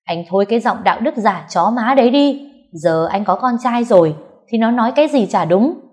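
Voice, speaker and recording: A woman voicing a fiery, foul-mouthed young woman who shouts insults in sharp, combative bursts. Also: mid-range voice, expressive, normal speed, lightly acted. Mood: furious.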